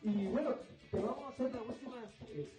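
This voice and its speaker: A man's voice: very high voice, brisk, dark tone. A man interviewing a guest at a live event, friendly and hesitant with many fillers. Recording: echoey, distant, with music.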